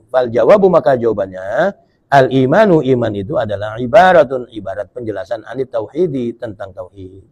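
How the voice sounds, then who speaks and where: A male preacher with a medium-pitched, slightly rough voice gives a humorous, colloquial sermon at a mosque gathering after dawn prayer. He reads Arabic text aloud and explains it.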